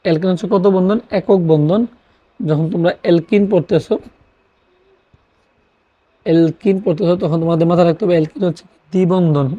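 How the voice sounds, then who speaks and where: A teacher gives a steady classroom lecture in a mellow, relaxed tone. They repeat each key term and pose questions they answer themselves. The recording sounds a little dull and lo-fi. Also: medium pitch, a little fast, pauses often. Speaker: chemistry teacher.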